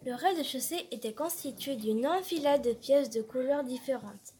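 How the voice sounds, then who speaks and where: High-voiced woman reading a storybook. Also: moderate pace, dark tone.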